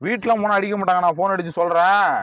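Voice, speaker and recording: A man hosting a staged roadside drama on a bridge, talking in an excitable, scolding and advising way. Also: sits high, fast talker, muffled recording. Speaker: vlogger, channel host.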